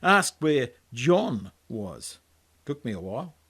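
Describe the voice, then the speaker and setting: With a medium-pitched, somewhat bright voice edged with breath, an Australian man slowly tells a first-person yarn he wrote himself, his pitch swinging widely. The delivery is colloquial and laconic.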